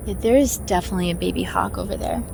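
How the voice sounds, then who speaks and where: A woman's voice: fairly low pitch, fast, vocal fry, a little mellow, poor audio. A woman with an American accent chatting casually and informally to her vlog audience as she walks on an outdoor hike. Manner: talking while walking on a hike; informal, chatty, with little chuckles. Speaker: vlog host. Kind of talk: casual chat to camera. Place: outdoors on a hiking trail. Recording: outdoor ambient noise.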